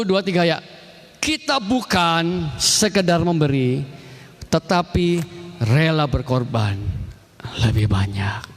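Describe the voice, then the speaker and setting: A male pastor preaching emphatically to his congregation in a fairly high, gravelly voice, swinging between high and low notes. The sound carries a long reverb from a church hall. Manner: emphatic, repeatedly addresses the congregation. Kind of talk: sermon.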